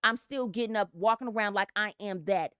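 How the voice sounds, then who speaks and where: A woman with an Inland Empire California accent co-hosting a podcast, telling stories loudly and swinging her voice through big impressions. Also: mid-range voice, fairly quick, clear, resonant tone, dry recording, clean studio sound. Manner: loud, animated storytelling with big voice swings. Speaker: podcast co-host. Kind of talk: casual comedic chat.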